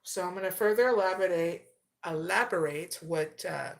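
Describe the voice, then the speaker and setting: A woman doing an oracle card reading who keeps tagging her sentences with "okay?" and slows down to read out each card. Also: lowish voice, gravelly. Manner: slow and deliberate when reading card names. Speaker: tarot reader.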